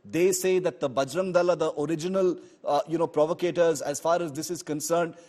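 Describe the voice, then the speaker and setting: A man with an Indian accent anchoring a live investigative news exposé, talking unscripted in a halting, discursive way. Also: on the high side, fairly even intonation, mellow.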